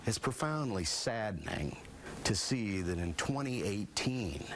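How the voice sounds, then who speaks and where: A man's voice: fairly low pitch, sing-song, a little slow. A man giving earnest, unscripted remarks in a community discussion. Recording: clear background room noise.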